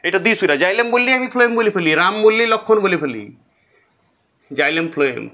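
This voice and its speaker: A man's voice: high-pitched, brisk. A man teaching a whiteboard biology lesson, chanting memory lists in a sing-song way and talking straight to his students. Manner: lively, repetitive, talks straight to students.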